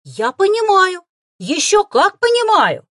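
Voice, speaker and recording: A woman reading an audiobook voices an excitable, awestruck young boy, eager and loyal, who talks breathlessly and squeals with delight, in a dry recording. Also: high voice, unhurried, dry recording, pitched above the performer's own voice, heavily acted. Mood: excited.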